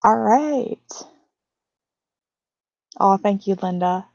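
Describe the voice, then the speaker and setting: A woman co-hosts a casual live Q&A, greeting viewers and reading their comments in a slow, unhurried way. Her voice has a gravelly edge. The audio is dull and dry, with a lo-fi sound. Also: medium pitch, lively intonation, a little mellow, dry recording. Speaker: livestream co-host. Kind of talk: casual livestream Q&A.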